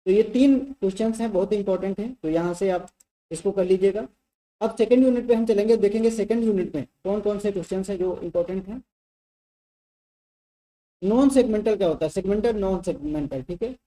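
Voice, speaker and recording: A woman's voice: mid-range voice, brisk, dark tone, rough recording. A woman teacher giving a conversational exam-prep lecture, checking in with listeners often and explaining through spoken examples.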